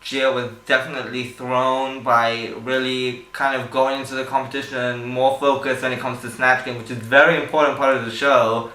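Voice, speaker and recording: A man's voice: medium pitch, level tone, moderate pace, few pauses, sharp tone, roomy sound, rough recording. A man co-hosting a casual review podcast, chatty and opinionated. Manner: chatty, opinionated, many fillers. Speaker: podcast co-host. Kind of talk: casual chat.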